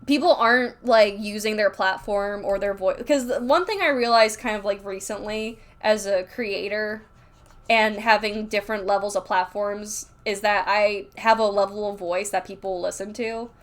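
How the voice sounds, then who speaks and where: A woman's voice: medium pitch, normal speed. A woman livestreaming while drawing, rambling candidly in casual chat, full of filler words, reading chat aloud and reacting.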